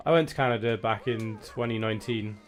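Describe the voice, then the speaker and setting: A man from Wales speaks briskly in a fairly low voice with a Welsh accent, faint music playing behind. Streaming a video game, he keeps the commentary casual and chatty, reading viewer chat aloud and answering it.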